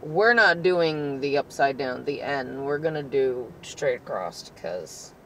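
A woman in her thirties co-hosting a casual road-trip vlog, chatty with quick asides, speaking from a car's passenger seat. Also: extremely low pitch, lively intonation, fairly bright tone. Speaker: vlog co-host. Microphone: phone camera held by the driver, off to the side. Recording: distant phone mic with clear road noise.

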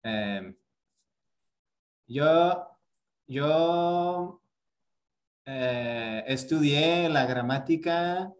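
A man's voice: on the high side, expressive, extremely slow, pauses often. A man teaching a casual grammar lesson, explaining patiently with many fillers and checking in with tag questions. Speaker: Spanish teacher.

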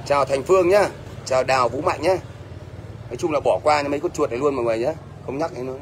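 Here a middle-aged man from Northern Vietnam, judging by his accent, goes after a commenter on a livestream with blunt scolding and frequent cries of "thấy chưa?" His voice is mid-range and his pace quick, with faint noise in the background.

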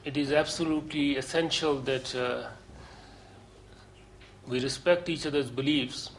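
A man giving a lecture to a seminar group, earnest and deliberate, pausing often with hesitations. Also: mid-range voice, fairly even intonation, slight background noise, poor audio. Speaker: course lecturer.

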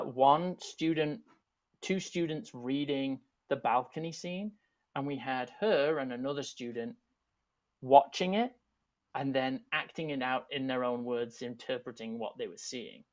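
A man in his thirties from England speaks in a mid-range voice with a Yorkshire accent softened for Americans. He's a teaching artist and artistic director on a video call panel, talking casually and thoughtfully with frequent restarts and asides. He's in a room at home using earphones, and the call audio is dull and lo-fi.

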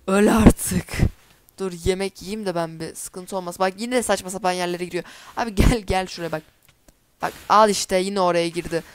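Smooth-voiced woman chatting over gameplay. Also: mid-range voice. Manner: chatty, easily exasperated, talks to herself while playing. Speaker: gameplay commentator. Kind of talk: casual let's-play commentary.

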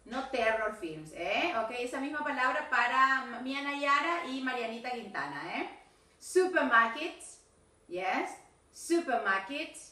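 A woman English teacher corrects homework in a video class. Her high voice rises and falls widely as she spells out English words slowly. The sound comes from a distance in a room with an echo. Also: expressive, pushed and bright. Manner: mixes Spanish explanations with slow English examples. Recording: echoey room, voice off-mic.

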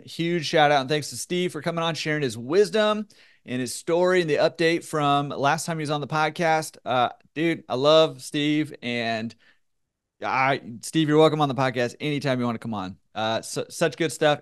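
A man's voice: fairly high pitch, moderate pace, clean tone. A man hosting a podcast, upbeat and encouraging, talking casually with many fillers. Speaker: podcast host.

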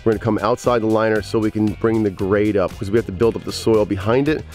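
Outdoors at a backyard construction site, a man in his forties who builds ponds and runs a channel walks viewers through the build step by step, upbeat and talking fast to a handheld camera held close. His voice is steady, on the low side, and a little mellow, with faint music in the background.

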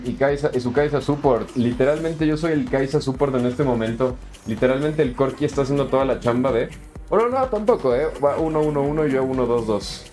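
A man's voice: mid-range voice, darkish tone. A young man with a Mexican accent, casually commenting on his game live and answering chat in slangy, chatty talk. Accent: Mexican Spanish. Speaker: streamer.

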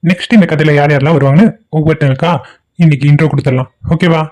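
A man introducing his cartoon channel's story, fast and mellow. He speaks to viewers directly and casually. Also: fairly high pitch, fairly even intonation. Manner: friendly, addresses viewers. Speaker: channel narrator.

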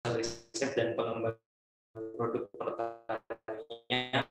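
A man's voice: medium pitch, monotone, takes it slowly, echoey room, over music. A man giving a formal online presentation over a video call, his audio choppy and glitching as it stutters and drags, with hesitant fillers.

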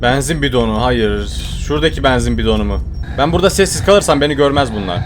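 A man playing a horror game and commenting as he goes, yelling when startled and whispering while he sneaks. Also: medium pitch, animated, fast talker, background noise. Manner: jumpy, shouts when scared, drops to hushed muttering when sneaking. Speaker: gaming YouTuber.

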